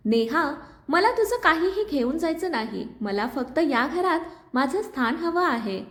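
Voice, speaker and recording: A woman voicing a calm, firm young bride. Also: sits high, normal speed. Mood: steady. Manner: calm and steady, without anger. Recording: roomy echo.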